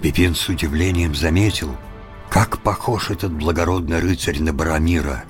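A man narrating a story in a measured, dramatic reading style. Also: very deep voice, soft background music. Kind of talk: scripted audiobook narration.

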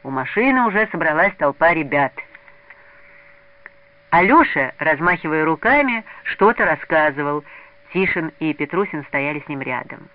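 A man reading a story aloud in an expressive way. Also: a little high, normal speed. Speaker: narrator. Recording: narrow lo-fi radio recording.

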